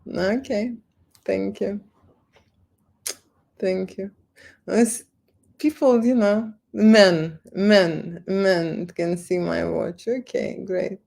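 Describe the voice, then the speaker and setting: Speaking extremely slowly with long pauses, a Lithuanian-accented photo studio owner chats casually to her livestream viewers. Her mid-range voice is gravelly and darkish, with a steady tone, and she repeats words while tacking "okay" and "right" onto her lines.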